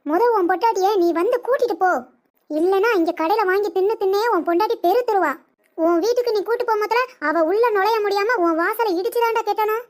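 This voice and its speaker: A woman's voice: extremely high pitch, fairly quick. A woman voicing a scolding, nagging older mother-in-law in a cartoon comedy. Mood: scheming.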